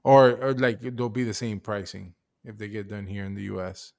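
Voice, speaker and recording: A man's voice: on the low side, fairly even intonation, moderate pace, vocal fry, a little mellow. A man in a casual livestream chat, telling loose stories and swearing freely.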